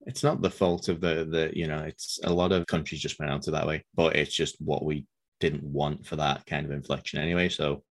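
A man from Liverpool with a Scouse accent softened by years in Scotland, chatting as a podcast co-creator in a laid-back, dry, self-deprecating way. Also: very deep voice, little pitch movement, fairly quick. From Liverpool, England. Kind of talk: casual chat.

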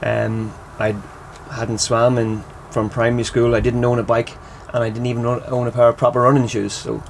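Gravelly Irish man talking in a parked van. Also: mid-range voice, level tone, moderate pace. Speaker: interview guest, triathlete and coach. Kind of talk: casual interview chat. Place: inside the back of a van parked in a car park. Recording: background noise in a parked van.

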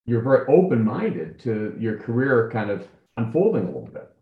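A man's voice: medium pitch, very animated, normal speed, echoey room, narrow, tinny audio. A man hosting an interview, encouraging and asking follow-up questions. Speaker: interview host. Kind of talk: conversational interview.

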